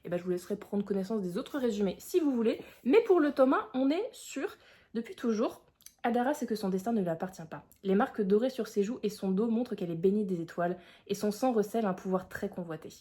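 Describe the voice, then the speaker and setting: Chatty young woman book vlogger, mellow voice. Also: medium pitch, quick pace. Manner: chatty and expressive, frequent fillers, bursts of excitement. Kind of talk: casual reading vlog chat.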